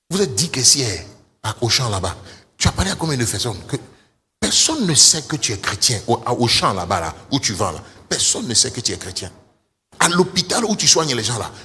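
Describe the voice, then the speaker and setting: A man pastor preaching a lively sermon, speaking straight to his congregation and pushing up into high, emphatic calls, with a few English phrases mixed in. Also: in a large hall, slight background noise. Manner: mixes in short English phrases. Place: church service.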